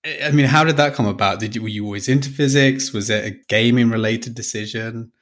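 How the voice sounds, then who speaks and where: A man's voice: mid-range voice, quick pace, fairly bright tone. A man co-hosting a podcast, chatting and asking questions in a friendly, informal manner. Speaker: podcast co-host. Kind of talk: casual chat and interviewing.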